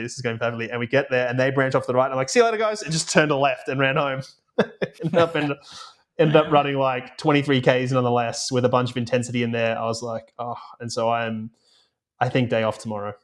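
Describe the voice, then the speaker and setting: A man's voice: mid-range voice, level tone, fast talker. A man co-hosting and producing a podcast, chatting casually and telling rambling stories with many fillers. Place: remote, recording away from home.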